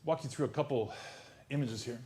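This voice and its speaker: A man preaching a sermon. He swings from loud outbursts to hushed near-whispers and repeats words as he builds a point. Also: medium pitch, brisk. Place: church service.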